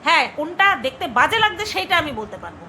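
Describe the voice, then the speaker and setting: A woman's voice: sits high, very animated, rapid-fire, bright, forceful tone, a little hiss or hum. A woman vlogger giving her casual, opinionated commentary in a chatty way, often asking her viewers "right?". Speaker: vlogger commenting on other creators.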